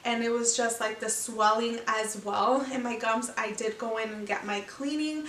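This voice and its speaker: Young pregnant woman vlogging, chatty and animated, slightly high voice, echoey room, mic a bit far off. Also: a little hiss or hum. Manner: chatty, animated storytelling with laughs. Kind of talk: casual chat to camera.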